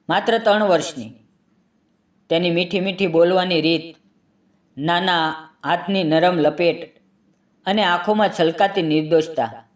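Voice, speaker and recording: A man narrates a scripted, emotional story in the first person, earnest and dramatic. His voice sits a bit high for a man. It sounds as if he is set back some distance from the microphone.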